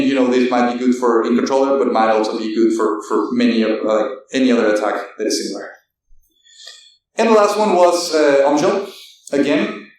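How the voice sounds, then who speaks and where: A man gives a technical talk at a conference in a voice of ordinary pitch. He speaks haltingly, restarting phrases and correcting himself. His voice is picked up from a distance and rings through a very echoey hall. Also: a little mellow. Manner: halting, with many fillers and self-corrections.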